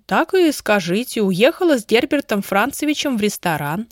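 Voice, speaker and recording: A woman's voice: medium pitch, very animated, moderate pace, no echo, clean studio sound, lightly acted. Woman reading an eager, affectionate grandmother.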